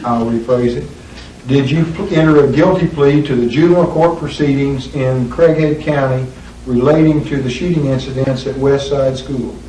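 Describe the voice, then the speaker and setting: A male attorney in a deposition, recorded courtroom-style, asking formal questions in a deliberate, measured way with frequent pauses. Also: mid-range voice, warm tone. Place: deposition room. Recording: roomy echo, distant mic, faint hiss.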